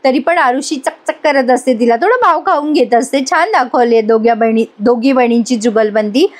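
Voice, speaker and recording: A woman's voice: a little high, normal speed. A woman giving a voice-over recap of a TV serial episode, chatty and talking straight to her viewers. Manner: chatty, addresses viewers directly. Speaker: TV serial reviewer.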